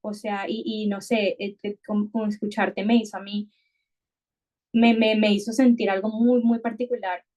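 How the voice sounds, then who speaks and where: A woman's voice: medium pitch, level tone, normal speed, darkish tone. Reflective woman podcast host. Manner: thoughtful, many restarts and repetitions. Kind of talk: reflective conversational podcast talk.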